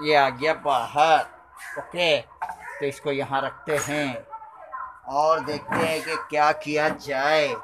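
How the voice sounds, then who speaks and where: A man in his thirties explains a repair step by step in a chatty, casual way, his voice sitting a little high. He is filmed on a phone held close to the work in a small cluttered workshop. Workshop noise runs clearly underneath. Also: steady tone, slow pace. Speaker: repair channel host. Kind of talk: casual how-to repair narration.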